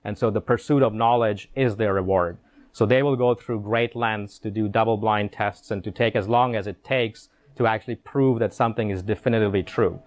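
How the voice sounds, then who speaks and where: A middle-aged man with a lowish voice and a steady tone delivers a conference keynote to a live audience through a handheld microphone. He talks a little fast, explaining ideas with frequent restarts and repeated words.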